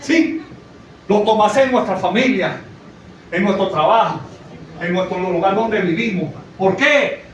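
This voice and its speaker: A man with a high voice preaches a sermon and keeps checking in with his listeners. He sounds like he is in a very echoey hall, picked up from well away from the mic. A faint hiss sits behind him. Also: a little slow. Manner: conversational, asks the congregation questions. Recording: echoey, from far off, faint noise.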